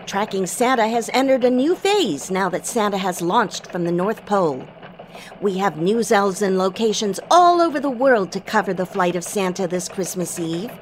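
Upbeat elf anchorwoman, played by a woman, lively swooping pitch, holiday radio news parody. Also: a little hiss or hum, natural voice. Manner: bright, enthusiastic newsreader delivery.

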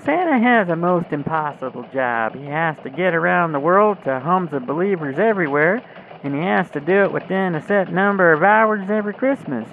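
An actor plays an earnest, excitable Christmas elf sky reporter, explaining things emphatically at normal speed in a mid-pitched voice. The scripted holiday field report comes through a thin, phone-like radio link with engine noise behind, and the mood is earnest and eager.

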